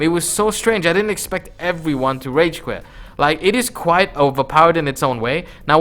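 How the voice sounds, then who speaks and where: A man's voice: on the high side, a bit bright. A man giving casual, conversational gameplay commentary as a gaming video host, using informal slang.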